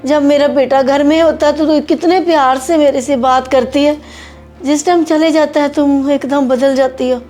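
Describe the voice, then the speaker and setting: A woman playing a gentle pleading mother-in-law. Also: sits high, fairly even intonation, moderate pace, faint music behind, natural voice. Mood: hurt, pleading. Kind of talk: short film acting.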